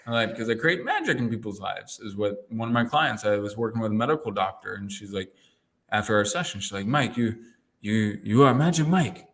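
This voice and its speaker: A man talking as an interview guest and coach, telling lively stories and acting out his own inner dialogue, with frequent restarts. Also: fairly low pitch, fast, slight background noise. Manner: energetic storyteller, acts out quoted inner dialogue; rambling restarts and repeated words. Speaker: guest, NLP coach and entrepreneur mentor. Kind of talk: casual interview conversation.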